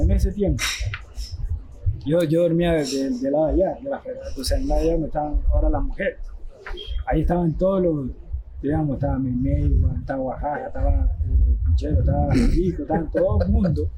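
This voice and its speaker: A man's voice: on the high side, fast talker. A man telling a story casually, acting out quotes in a raised voice. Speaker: guest telling his boxing story. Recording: noisy background hiss.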